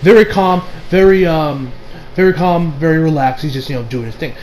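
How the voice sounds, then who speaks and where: A man's voice: a little high, normal speed, darkish tone, poor audio. A young man giving casual, rambling commentary, full of fillers and casual swearing. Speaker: online commentator.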